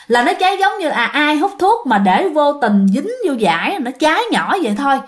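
A woman's voice: high voice, big pitch swings, moderate pace. A woman voicing a distressed mother explaining her daughter's trouble in a ghost story. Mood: worried. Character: worried young mother, distressed.

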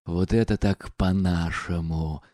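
A man reading an audiobook voices a rough, rowdy young merchant who shouts out in wild elation. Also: low voice, slow, no echo, clean studio sound. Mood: exultant. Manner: loud, exultant shouting.

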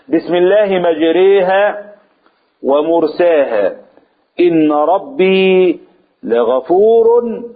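A man with an Egyptian accent giving a religious lesson, stretching out recited verses slowly and then rushing through explanations. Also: fairly high pitch, slightly rough, narrow, tinny audio. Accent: Egyptian Arabic. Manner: explanatory, slow drawn-out recitation then fast asides. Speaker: Quran tafsir teacher.

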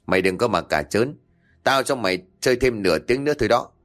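A man voicing a sharp-tongued middle-aged woman shopkeeper who turns shrill and stammering when frightened. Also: expressive, quick pace, close to an everyday voice. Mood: scolding.

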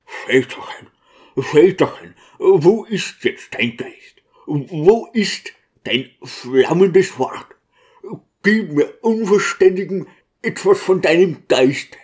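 A man voicing a grieving, devout deacon who pleads in a hushed, trembling voice at a coffin. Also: fairly high pitch, sing-song, takes it slowly, voice pushed up. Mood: imploring.

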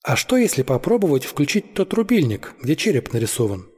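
A man voicing a sensible, wary young woman who scolds the boys, in a husky voice. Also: on the high side, very animated, brisk, a little mellow, in a large hall. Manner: reproachful, doubtful.

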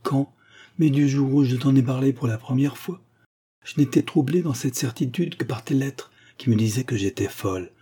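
A man's voice: medium pitch, normal speed, mellow, breathy edge, pitched above the performer's own voice. A man reading the lines of a passionate young woman in love, in an ardent, pleading way. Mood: earnest.

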